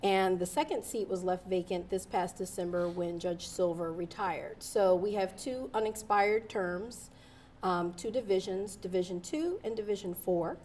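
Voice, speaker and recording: A woman's voice: medium pitch, measured pace, darkish tone, a little hiss or hum. Earnest woman attorney, interview guest. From Delaware, USA. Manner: earnest, many ums and uhs. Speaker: guest, attorney and judicial candidate.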